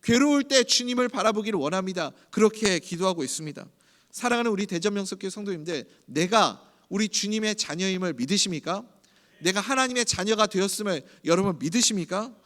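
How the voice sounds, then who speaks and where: A male pastor preaching with a fervent sermon style, his voice sitting high for a man. He shifts between gentle storytelling and loud calls to prayer. The sound carries a long reverb from a large church hall.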